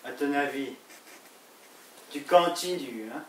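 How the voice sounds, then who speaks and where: An actor playing a suspicious, jealous husband in a stage play, asking slow, pointed, accusing questions. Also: male voice, medium pitch, natural voice. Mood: tense, accusing. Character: suspicious jealous husband, middle-aged man. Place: theater stage. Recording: roomy, distant stage recording with faint hiss.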